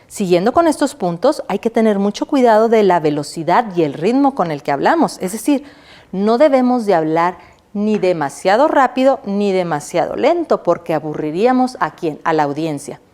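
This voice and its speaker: A middle-aged woman teaches a recorded online class at an ordinary, medium pitch. She asks her students questions and then answers them herself. She keeps checking in with a short "right?" as she explains each point. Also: animated, darkish tone. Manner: checks in often with a quick "right?". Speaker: university lecturer.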